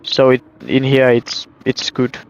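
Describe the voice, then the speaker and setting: A man talking loudly in casual voice chat as a team driver, blurting and stumbling over his words. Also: mid-range voice, monotone, measured pace. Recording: lo-fi voice chat audio.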